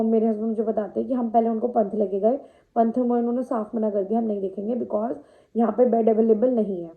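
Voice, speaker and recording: Young woman, vlogger, personal storytelling, English words mixed in, fillers, somewhat high pitch. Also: narrow, tinny audio. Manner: mixes English words into Hindi, many fillers.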